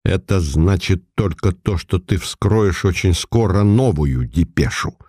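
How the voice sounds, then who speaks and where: A deep, dark-voiced, hot-tempered old police chief barks curt orders and flares up at his own mistakes, as a male narrator puts him on. The voice sits low and mellow, recorded close and dry, with no room sound. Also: lively intonation, unhurried, dry recording. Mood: grim. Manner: curt, commanding, explosive.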